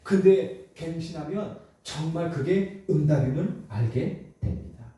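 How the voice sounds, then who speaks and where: High-voiced pastor preaching in an echoing hall. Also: male voice, expressive, a little slow, mellow. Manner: emphatic, many rhetorical questions to the congregation. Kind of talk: sermon. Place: church sanctuary. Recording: echoey church hall from far off.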